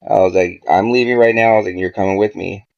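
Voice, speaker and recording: Man, podcast guest; rough, gravelly low voice; profane, animated storyteller who quotes everyone; dull lo-fi recording. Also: fast. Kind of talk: casual storytelling.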